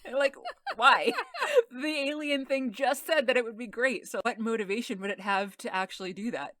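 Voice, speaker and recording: A woman's voice: fairly high pitch, animated, normal speed, sharp tone, no room sound, clean studio sound. A woman co-hosting a podcast, recapping an episode in casual chat, laughing often and quoting the characters' lines. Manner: chatty, laughs often, retells scenes with quoted lines. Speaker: podcast co-host.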